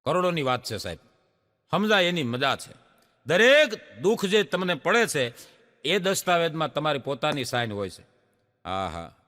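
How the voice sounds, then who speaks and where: Animated stand-up comic man. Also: on the high side, moderate pace. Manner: lively storytelling, acts out dialogue. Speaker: stand-up comedian. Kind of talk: Gujarati stage joke-telling. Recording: live stage show in a hall.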